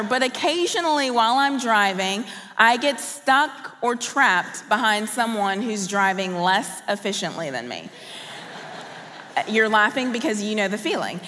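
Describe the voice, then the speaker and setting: A woman's voice: on the high side, a bit bright, big-room sound. A woman raised in Colombia giving a sermon as a guest speaker, talking in a personal, conversational way and asking the audience questions. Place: large church auditorium.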